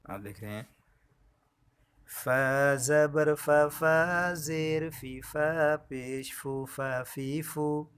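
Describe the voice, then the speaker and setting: A man's voice: fairly high pitch, fairly bright tone, clean tone. Man chanting syllable drills steadily. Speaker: student reciting drills.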